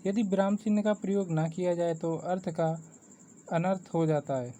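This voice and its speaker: Man, grammar lesson, mellow voice, steady explaining, faint background noise. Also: high voice, normal speed. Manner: reads definitions steadily, counting items off with English ordinals. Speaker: exam-prep teacher.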